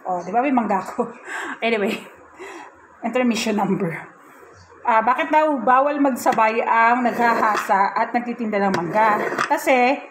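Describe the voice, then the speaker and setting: A woman's voice: fairly high pitch, moderate pace, noisy background. A woman chatting casually in a home kitchen vlog, giggly and self-mocking. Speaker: vlogger.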